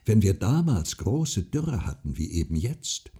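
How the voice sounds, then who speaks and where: A man voicing a frail old widow who speaks softly, earnestly and secretively. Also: fairly low pitch, big pitch swings, a little slow, husky, full character voice.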